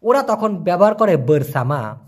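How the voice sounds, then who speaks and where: A man teaching a casual online language lesson, answering viewers' questions by name and repeating words slowly as he explains them patiently. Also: sits high, sing-song, breathy edge.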